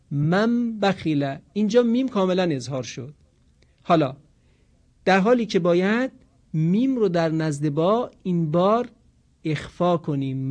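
Man teaching Quran recitation rules. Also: on the high side. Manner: explains calmly, then chants examples slowly and drawn out. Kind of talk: teaching lesson with slow recited examples.

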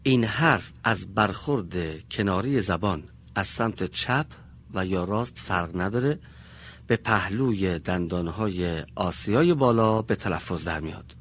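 A deep-voiced male teacher, animated and fairly bright in tone, gives a pronunciation lesson in a classroom. Patient and deliberate, he slowly demonstrates each sound for his pupils.

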